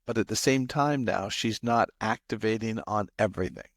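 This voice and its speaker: A man's voice: lowish voice, moderate pace, no echo, studio quality. A man hosting a podcast, explaining and telling stories in casual conversation. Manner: storytelling, explanatory. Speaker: podcast host.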